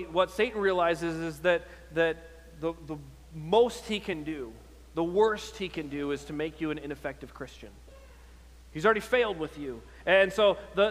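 Heard through long hall reverb, this sermon comes from a man whose voice sits high and sounds a bit bright. As pastor, he exhorts earnestly, poses rhetorical questions, and frequently repeats his phrases.

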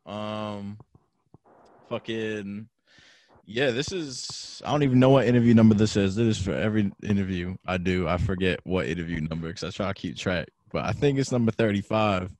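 A man's voice: fairly low pitch, normal speed, a little mellow, no room sound. A young man hosting an interview over a video call, talking loosely with slang and casual swearing. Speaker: interviewer, podcast host.

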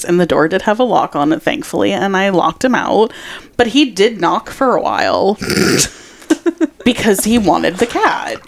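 A woman co-hosting a podcast, telling a story in casual chat with lots of swearing and animated retelling. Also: lowish voice. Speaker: podcast co-host.

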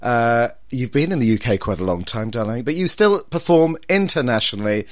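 A man hosts a podcast as a campy drag queen, gushing theatrically with plenty of endearments. His pitch is middling but swings widely and expressively. The sound is close and dry. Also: lively intonation, brisk, no echo. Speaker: podcast co-host and drag queen horror presenter. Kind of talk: podcast banter and show introduction.

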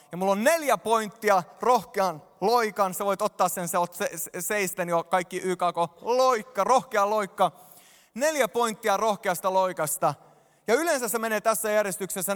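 A male pastor with a higher voice preaches an animated sermon, speaking directly to his congregation. The church hall gives the recording a long reverb.

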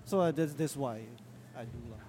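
A man's voice: medium pitch, a little fast, dark tone. A man with a Singaporean accent hosting a casual podcast on the go, talking informally with Singlish particles. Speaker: podcast host. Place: out and about in a public place. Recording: noisy ambience of a public place.

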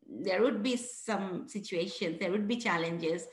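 A woman's voice: medium pitch, a little slow. A woman from Bangladesh, a program founder, answering interview questions in an earnest, reflective way, often restarting her sentences. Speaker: guest, founder of a mentoring program. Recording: roomy echo.

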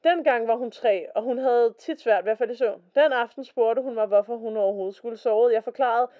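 A woman co-hosting a casual podcast, reading stories aloud and chatting. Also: on the high side. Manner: chatty, reads quotes in a slower voice. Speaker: podcast co-host. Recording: dull lo-fi podcast recording.

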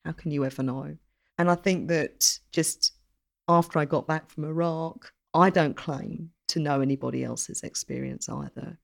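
A woman's voice: sits low, fairly even intonation, a little slow, gravelly. A middle-aged woman from Essex, speaking reflectively and earnestly in an interview, repeating phrases for emphasis. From Essex, England. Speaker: podcast guest, journalist and army reservist.

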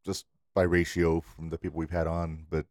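A man co-hosting a wrestling podcast in casual chat, eager and quick to agree. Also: low-pitched, level tone, a little mellow, dry recording, studio quality. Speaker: podcast co-host.

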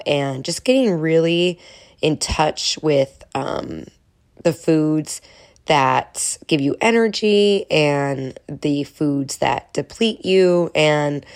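A woman's voice: low voice, vocal fry, darkish tone. A woman podcast host chatting casually, with a nasal voice from getting over a cold. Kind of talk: casual solo podcast chat.

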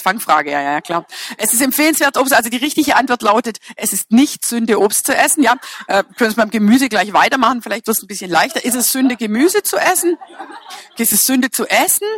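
A woman's voice: fairly high pitch, a bit bright. A woman preaching a sermon in a chatty, humorous way, teasing her congregation and correcting herself with fillers as she goes.

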